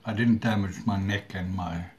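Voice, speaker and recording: A middle-aged man from Sweden, talking casually to camera in a halting way with long pauses and throat clearing. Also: sits low, fairly even intonation, darkish tone. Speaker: vlogger. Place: small room at home indoors. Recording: clearly audible background noise.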